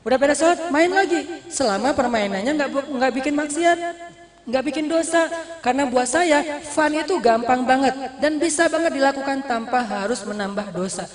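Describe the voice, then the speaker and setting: A man giving a casual, playful sermon to young people in a mosque, acting out the people in his stories. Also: very high-pitched. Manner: playful, acts out quoted dialogue in shifting voices. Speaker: preacher. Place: large mosque hall. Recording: echoey mosque hall.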